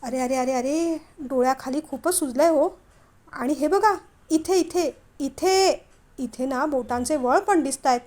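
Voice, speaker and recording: A woman's voice: sits high, darkish tone. Woman voicing a curious chatty young wife. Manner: eager, quick questioning.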